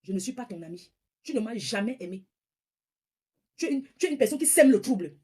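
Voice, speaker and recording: With an animated, fairly quick delivery, a woman's somewhat high, slightly mellow voice with a breathy edge drives a confrontational live-stream rant. She is a livestreamer in her forties from northern France, scolding and repeating herself.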